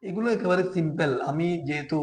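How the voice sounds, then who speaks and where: A man from Bangladesh teaching a beginner web design class, explaining slowly and patiently step by step. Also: on the high side, a little mellow, roomy sound. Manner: slow, patient, step-by-step, often asks "ঠিক আছে?". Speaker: programming teacher. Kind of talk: live screen-share coding class.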